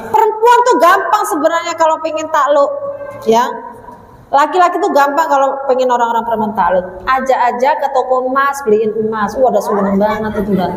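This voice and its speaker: Animated woman teaching in a hall. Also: sits high, fairly quick. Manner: animated, joking, mimics people. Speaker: religious teacher of a women's study group. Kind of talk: casual religious talk then recited prayer. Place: prayer gathering hall. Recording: echoey hall with faint hum.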